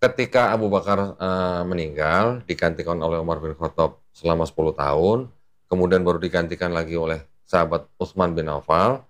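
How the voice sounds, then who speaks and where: Rich: A very low-voiced man talks through a long explanation. He is patient and casual, leaning on everyday slang and fillers as he teaches. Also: steady tone, a little fast. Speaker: Islamic preacher.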